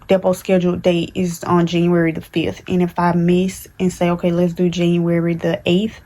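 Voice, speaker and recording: A woman in her early twenties with talks candidly in a rambling vlog chat, full of fillers and restarts. Her voice sits low and stays fairly flat in pitch throughout. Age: 20s. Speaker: vlogger. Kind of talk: casual chat to camera.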